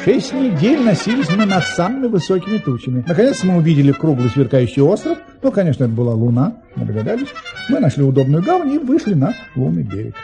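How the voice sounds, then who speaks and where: Courtly, fanciful tall-tale baron for radio drama: high, swooping, theatrical storytelling. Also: male voice, sing-song, over music. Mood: wondering, earnest. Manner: theatrical, hesitant little pauses, airy storytelling. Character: whimsical, courteous baron spinning tall tales in earnest.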